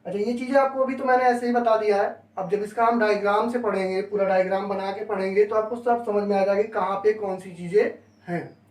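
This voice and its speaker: A man's voice: sits high, fairly even intonation, brisk. Echoey, distant male biology teacher. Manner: explains step by step, mixes English terms into Hindi. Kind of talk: classroom lecture.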